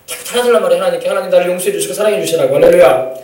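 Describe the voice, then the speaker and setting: High, fast-preaching pastor in an echoey church. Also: male voice, darkish tone. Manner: emphatic preaching, calls for amen, acts out family quotes. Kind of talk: sermon. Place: church sanctuary. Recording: echoey church sound from a distant mic.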